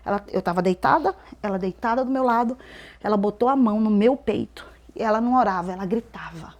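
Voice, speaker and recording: A woman telling an emotional personal testimony as a podcast guest, swinging between loud and hushed delivery. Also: medium pitch, fast talker.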